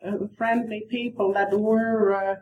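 Woman interpreter, halting, slow, faint tape hiss, old worn tape. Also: mid-range voice, little pitch movement, highs cut off. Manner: hesitant, many fillers. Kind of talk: casual spoken translation.

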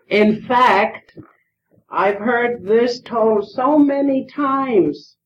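High-voiced woman on worn tape. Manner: slow, halting, searching for words. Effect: old worn 1970s tape. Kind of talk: oral history interview. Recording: dull hissy worn cassette tape.

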